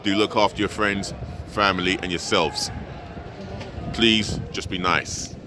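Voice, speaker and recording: A man's voice: deep voice, fairly even intonation, unhurried, background noise. A middle-aged man filming himself outdoors by a stadium, venting frankly as a fan ahead of a match, the camera held at arm's length. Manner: frank, exasperated fan venting about his team. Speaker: football fan vlogger, host. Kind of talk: pre-match vlog to camera. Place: outdoors by a large stadium, city plaza. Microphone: handheld camera at arm's length.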